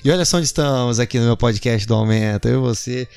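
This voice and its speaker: Gravelly Brazilian podcast host. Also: male voice, mid-range voice, quick pace, a little mellow, no room sound, soft background music. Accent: Brazilian Portuguese. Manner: enthusiastic, effusive praise. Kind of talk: casual podcast interview.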